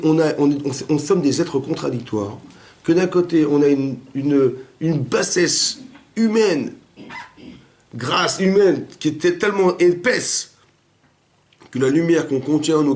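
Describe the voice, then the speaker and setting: A rabbi with a slightly high voice gives an animated Torah class in a family home, posing rhetorical questions to his listeners.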